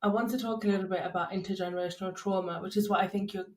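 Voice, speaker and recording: A woman hosting a podcast, asking measured, thoughtful questions. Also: medium pitch, steady tone, a little mellow. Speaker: podcast host. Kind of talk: interview questions. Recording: roomy echo.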